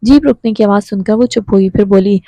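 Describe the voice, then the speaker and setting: A woman's voice: mid-range voice, fairly quick, mellow, no echo. A woman reading a romance novel aloud as an audiobook narrator, voicing the dialogue with little change of voice. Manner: reads all characters' dialogue with little change of voice.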